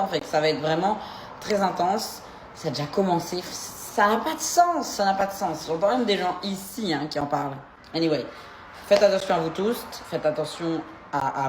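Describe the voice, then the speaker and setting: Woman vlogger, low voice, heated activist commentary straight to camera. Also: a little hiss or hum. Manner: impassioned, militant ranting to viewers. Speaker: content creator. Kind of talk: commentary vlog.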